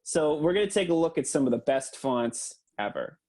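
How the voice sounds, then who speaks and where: A man doing an earnest, deadpan mock lecture for a comedy podcast, with lots of hesitant fillers. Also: fairly high pitch, moderate pace.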